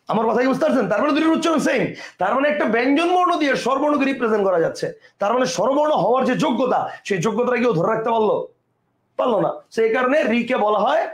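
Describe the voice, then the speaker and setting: A man with a Bangladeshi Bengali accent, teaching an online lecture and often asking his students whether they understand. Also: very high voice. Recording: roomy echo.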